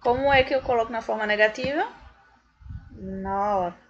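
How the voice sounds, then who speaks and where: Brazilian woman, English teacher; husky, fairly high voice, unhurried and patient with her class. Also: muffled recording. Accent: Brazilian Portuguese. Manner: patient, explanatory, addresses students directly. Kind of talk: recorded class lesson explaining grammar.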